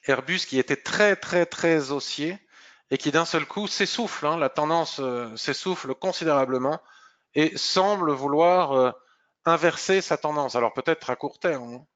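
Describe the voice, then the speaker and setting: A man presenting a live market review, explaining charts while thinking aloud, pausing and clearing his throat. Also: on the high side, a bit bright, highs cut off. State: slightly hoarse, clearing throat.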